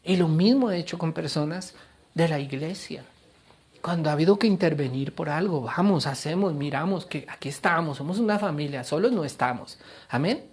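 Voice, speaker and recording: A middle-aged male pastor delivers a sermon in a husky, slightly breathy voice. He preaches with an animated, playful manner, acting out other voices to draw in his listeners. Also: a little high, moderate pace.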